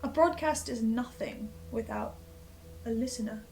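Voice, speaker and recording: Hosting a horror listen-along series, a woman plays a tormented, obsessive, hungry archivist, confessing straight to the listener in a brooding, halting, theatrical monologue that swings between whispers and outbursts. Her voice is a little high, gravelly and slightly mellow, and the low-quality recording has a little hiss or hum.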